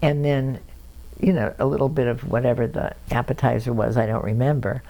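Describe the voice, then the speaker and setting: Speaking briskly in a bass voice, an older woman from Cleveland, Ohio, USA, relates family stories in an oral history interview with lively, frequent chuckles. The audio quality is poor.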